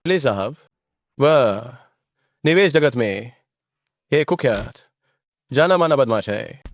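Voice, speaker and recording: A man's voice: mid-range voice, lively intonation, takes it slowly, no echo, studio quality. An actor playing a chatty, loyal male assistant in a Hindi drama dub.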